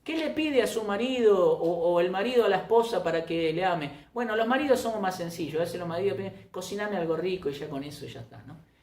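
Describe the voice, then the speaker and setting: A man's voice: animated, brisk, echoey room. A man preaching a sermon, emphatic, often repeating and restarting phrases. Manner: emphatic, with sudden rises in pitch and loudness. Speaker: pastor.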